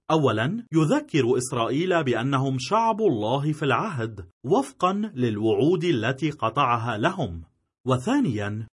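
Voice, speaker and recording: A man giving a formal, scripted narration of a theology lesson in a measured, steady way. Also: medium pitch, slightly rough. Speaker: lecturer narrating a theology course.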